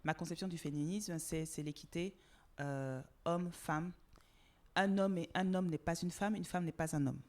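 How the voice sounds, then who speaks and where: A woman from Togo speaks as a podcast guest in a frank conversational interview. Her voice sits a little low, and she talks with animated emphasis, stacking repeated words. She drops casual swear words as she goes. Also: normal speed.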